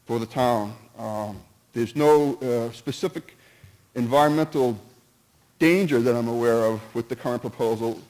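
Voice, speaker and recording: His voice is mid-range and darkish, at normal speed, on a rough recording. He's a man giving public comment at a town meeting, earnest and cautious, stumbling, restarting and moving between points as he states his opinion.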